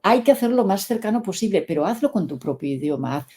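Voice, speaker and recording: A woman's voice: medium pitch, fast. A middle-aged woman, explaining her English teaching method as an interview guest and acting out little stories. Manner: animated storyteller, acts out quoted dialogue.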